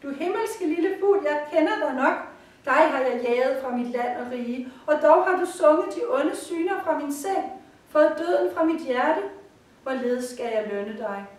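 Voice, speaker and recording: A woman's voice: high-pitched, steady tone, hardly any pauses, a little mellow, pitched above the performer's own voice, lightly acted. A woman voicing a desperate, dying old emperor who cries out and pleads. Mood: grateful. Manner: crying out, pleading. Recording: roomy, far from the mic.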